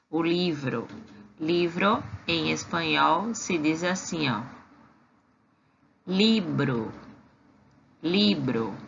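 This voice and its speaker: A woman teaching a recorded lesson for preschool children, patient and clear, saying each word twice. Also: fairly low pitch, a bit bright. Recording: dull lo-fi recording with clear background noise.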